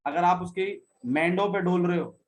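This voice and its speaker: A man's voice: sits high, moderate pace, crowd noise, poor audio. A male maths teacher giving a classroom lecture, repeating key phrases and quizzing his students as he goes.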